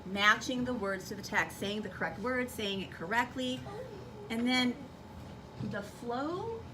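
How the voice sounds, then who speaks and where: A woman teacher speaks to children a little slowly, her fairly high voice expressive as she demonstrates and thinks aloud step by step. A distant microphone records the noisy classroom, where room noise and children's voices fill the background.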